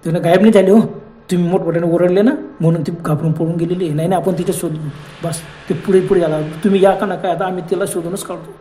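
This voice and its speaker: A man's voice: sits high, steady tone, fast talker, mellow, lightly acted. A man voicing brash young men in a spoken horror story, teasing their scared friends and urging them on. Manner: teasing, reassuring, insistent.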